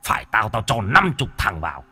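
A man's voice: on the low side, huge pitch swings, fairly quick, sharp tone, husky, faint music behind, heavily acted. A man voicing an old male ghost who hollers and grumbles like a football fan. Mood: grumbling.

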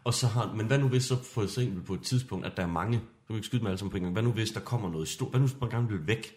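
A man hosting a podcast as game master, narrating an improvised adventure in a hushed, suspenseful way. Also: on the low side.

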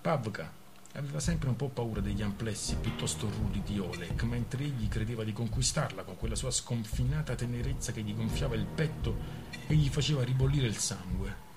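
A man reading a novel aloud on the radio in a measured, dramatic way. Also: mid-range voice. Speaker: radio reader. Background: music.

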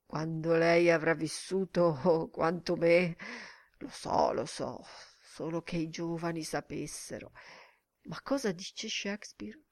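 A woman's voice: lowish voice, breathy edge, dry recording, studio quality, full character voice. A woman voicing a stern, self-satisfied old male schoolmaster who lectures solemnly in an audiobook.

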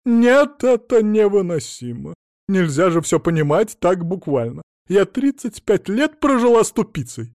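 A man doing a shrill, screeching older woman. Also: expressive, brisk, few pauses, a little mellow, no room sound, studio quality. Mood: indignant. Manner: screeching, indignant, theatrical sobbing. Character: shrill, hysterical older woman, domineering mother.

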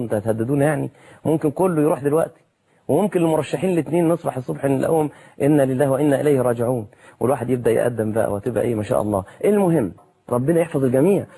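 A man's voice: mid-range voice, warm tone, husky. A man with an Egyptian accent preaching on television in a colloquial way, full of rhetorical questions. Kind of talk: televised sermon.

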